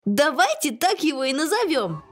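Squeaky, rowdy little ogre kids from a storybook who shriek their lines in a very high voice that leaps about wildly. The ogres' outbursts come out loud and shrill, like an excited gang of small children. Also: moderate pace, faint music behind. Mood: gleeful. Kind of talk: storybook reading.

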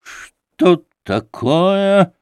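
A man's voice: mid-range voice, big pitch swings, slow, a little mellow, no room sound, studio quality. A man voicing a self-important, impatient doctor who speaks curtly and stresses every syllable.

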